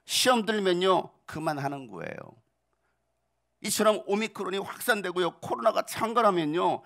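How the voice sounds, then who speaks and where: A man's voice: high voice, moderate pace, creaky, a bit bright. A middle-aged male pastor preaching a sermon, asking the congregation rhetorical questions and driving his points home with building emphasis.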